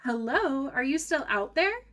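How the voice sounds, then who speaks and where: A woman's voice: high-pitched, expressive, unhurried, fairly bright tone, voice pushed up. Woman doing a friendly mother doll.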